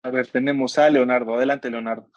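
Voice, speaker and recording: A man's voice: medium pitch, fairly even intonation, fast, no room sound, muffled recording. A man teaching an online writing workshop, patiently explaining grammar step by step and asking his students questions. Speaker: workshop instructor.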